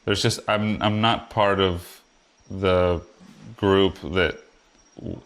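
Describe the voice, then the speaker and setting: A man's voice: low voice, takes it slowly, clear, resonant tone. A man in his forties from Puerto Rico, a guest chatting casually and rambling with lots of fillers. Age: 40s. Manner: relaxed, rambling, many fillers like "you know". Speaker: guest, foiler. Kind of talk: casual conversation.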